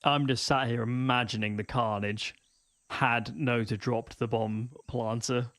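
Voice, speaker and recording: A man's voice: medium pitch, steady tone, unhurried, a bit bright, no room sound, studio quality. A man co-commentating a live esports match with conversational, wry analysis. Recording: faint background noise and clicks.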